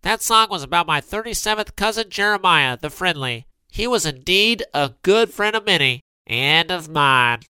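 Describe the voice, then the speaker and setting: A man voicing a chatty male bullfrog with a croaky voice, in a storybook. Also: high-pitched, lively intonation, normal speed, hardly any pauses, pushed and bright, no echo, pitched above the performer's own voice, full character voice, rough recording.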